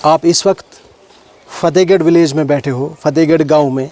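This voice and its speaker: A male walk leader with a Kashmiri accent talks to schoolchildren outdoors at a stone heritage site. His voice is fairly high, steady, and dark. He explains things, asks the children questions, and mixes in English words.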